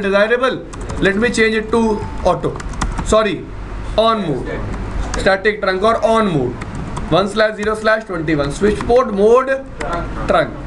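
A networking instructor with a North Indian accent gives a classroom technical lecture alongside an on-screen demonstration, repeating questions and often checking that learners are following. His voice sits high, and there is background noise.

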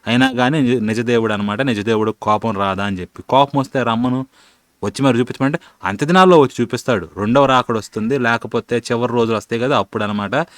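A man's voice: medium pitch, quick pace, dry recording, clean studio sound. A man hosting a commentary channel, arguing his point in with plenty of rhetorical questions. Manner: argumentative, asks rhetorical questions, colloquial. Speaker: channel host. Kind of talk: critical commentary on religion.

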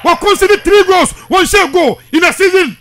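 In his thirties and speaking with a Ghanaian accent, this male sports radio presenter delivers heated commentary, emphatic, insistent and repetitive, switching between languages. His voice is extremely high, unhurried and a bit bright, with a little hiss or hum. He's close to a studio microphone in a small radio studio.

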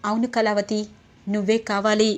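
A woman's voice: mid-range voice, little pitch movement, normal speed, lightly acted. A woman reading the lines of an earnest, remorseful young husband in a retold serial scene.

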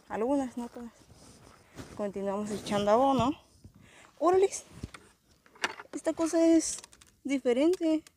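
A woman's voice: on the high side, warm tone, slight background noise. A young woman with a Mexican accent, chatting casually and exclaiming as she vlogs outdoors in rural cornfields. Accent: Mexican Spanish. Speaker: vlogger. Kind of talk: casual vlog narration.

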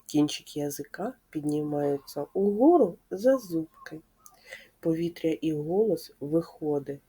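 Low mellow woman voice, slow careful kids lesson, asks and says right. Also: husky. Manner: patient, asks children questions and confirms answers. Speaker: speech therapist teaching preschoolers. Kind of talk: slow, clear lesson for young children.

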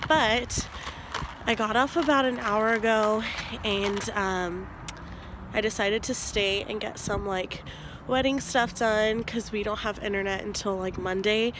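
A woman's voice: mid-range voice, steady tone, measured pace, noisy background. A young woman in her twenties chatting casually to camera for her vlog, her voice stuffy from a cold. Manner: chatty and upbeat, with many "like"s. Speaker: vlogger.

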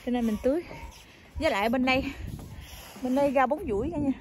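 A woman's voice: high voice, fast, a little hiss or hum. A woman chatting casually to her viewers while filming at home, often hesitating and repeating words. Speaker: family vlogger. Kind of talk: casual vlog narration to viewers. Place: home garden outdoors, then kitchen.

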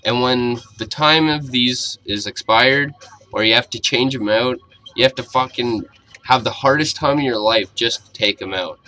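A man's voice: mid-range voice, moderate pace, sharp tone, poor audio. A young adult man giving a casual video review in a blunt, informal way. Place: small cluttered bedroom, indoors.

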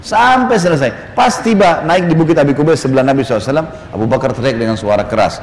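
A male preacher telling a story in a sermon, animated and addressing his congregation directly while acting out the quotes. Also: medium pitch, racing. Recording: echoey hall with faint background noise.

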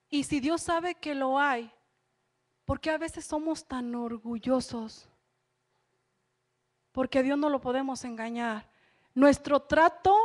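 A woman, preaching a church sermon in an earnest way and repeating phrases for emphasis. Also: sits high. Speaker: lay preacher. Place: church service.

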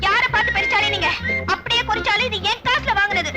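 A pouty young woman from an old film, with a very high voice and a scolding, sharp tongue. Clear film music plays under her lines. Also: fast talker. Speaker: daughter and girlfriend. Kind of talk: 1980s film dialogue.

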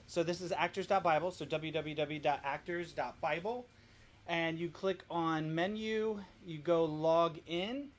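Here a man with a fairly high pitch hosts a family worship demo at home, casually explaining each step. His tone stays steady and his pace measured, while the recording picks up household noise.

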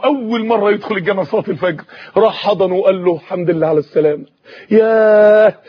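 A man's voice: high-pitched, slightly rough, lo-fi sound. A man with an Egyptian accent preaching an emotional sermon through a story, pleading and at times tearful. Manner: impassioned, pleading, breaks into tears.

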